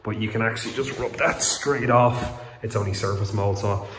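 A man from Ireland giving a relaxed, explanatory walkthrough of his unfinished house, recorded on a handheld phone. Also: fairly low pitch, normal speed. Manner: relaxed, explanatory, many fillers. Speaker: home renovation vlogger. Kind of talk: casual walkthrough narration. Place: unfinished house under renovation, indoors. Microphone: handheld phone camera. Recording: echoey bare rooms, faint background noise.

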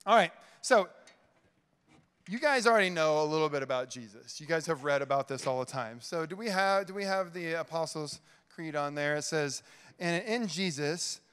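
Energetic man preaching in a church hall. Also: a little high, moderate pace, clear, resonant tone. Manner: energetic, chatty, many "like"s. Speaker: youth pastor. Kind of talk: youth sermon. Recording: long hall reverb.

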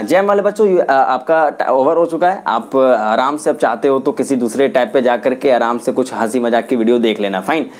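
A man teaching chemistry on a live stream from home, reading out viewer comments and answering them in a chatty, encouraging way. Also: a little high. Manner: chatty and encouraging, mixing in English words. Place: at home during lockdown.

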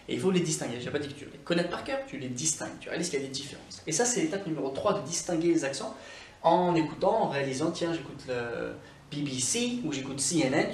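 A Scottish man, native English speaker, coaching learners in a lively, repetitive way. His voice sits a little high for a man. He is recorded from a distance in a roomy, echoing space with faint background ambience. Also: slight background noise. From Scotland. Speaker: English teacher. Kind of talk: casual video lesson. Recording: echoey room, mic at a distance.

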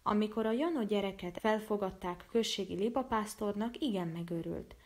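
Woman reading a children's story, even and measured. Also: medium pitch. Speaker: storyteller and illustrator. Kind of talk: storybook narration.

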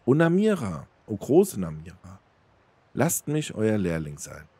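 A man's voice: medium pitch, wildly swooping pitch, normal speed, darkish tone, husky, no echo. A man voicing an eager young noble wanderer who seeks power, in a slightly raised, earnest, pleading voice.

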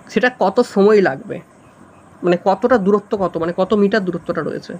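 High-voiced man teaching an exam lesson. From West Bengal. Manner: explains step by step, keeps checking in with students. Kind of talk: exam-prep lesson going through multiple-choice answers.

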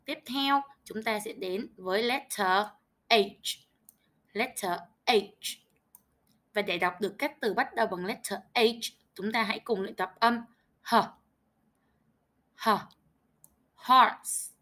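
A Vietnamese woman teaching English words to young children, saying each word twice, slowly and distinctly, and giving instructions in Vietnamese. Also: medium pitch, fairly bright tone. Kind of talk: slow, clear vocabulary drill with repetition.

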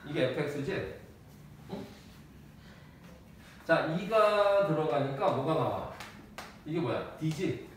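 Man, math teacher, blunt and slangy, lively pitch, roomy echo, noisy distant mic. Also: slow, pauses often. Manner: blunt, slangy and profane, laughing often. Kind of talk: casual lecture mixing a personal story with a math lesson.

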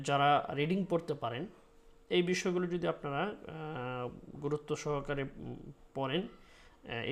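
A man teaching Quran recitation, explaining slowly and patiently with many fillers and breaking into drawn-out chanted words. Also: on the high side. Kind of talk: spoken tajweed lesson.

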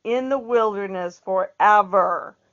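A woman's voice: medium pitch, takes it slowly. A middle-aged woman chatting in a meandering way, repeating words and laughing often. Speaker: vlogger. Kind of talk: casual rambling monologue. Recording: dull lo-fi recording.

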